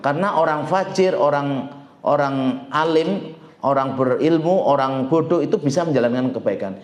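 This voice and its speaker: Joking ustadz in an echoey room. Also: male voice, medium pitch. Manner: lively, joking with the audience, quotes Arabic slowly. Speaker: ustadz giving a religious study talk. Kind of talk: informal sermon.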